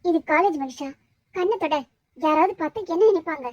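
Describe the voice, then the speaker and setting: A woman voicing a shy, polite young village woman in a cartoon, speaking hesitantly and softly. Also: extremely high pitch, moderate pace, no room sound, lo-fi sound, soft background music. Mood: firm. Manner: hesitant, soft-spoken. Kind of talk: cartoon voice acting.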